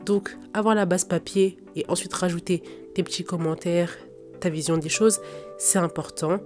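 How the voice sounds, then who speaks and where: A young woman hosting a podcast speaks in a fairly low, even voice at normal speed, sounding congested and nasal from a blocked nose. Sick with a cold and sore throat, she gives direct, informal advice straight to listeners over faint background music.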